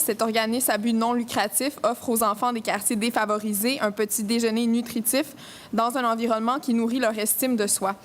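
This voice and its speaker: A woman reading a speaker's biography aloud in an even, read-out way. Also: on the high side.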